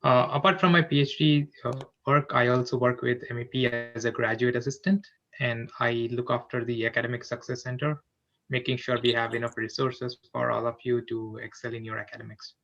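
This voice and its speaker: A man's voice: medium pitch, fairly even intonation, brisk, creaky, fairly bright tone, dull audio. A young man in his twenties, a graduate assistant, introducing himself politely with some hesitation on a video call.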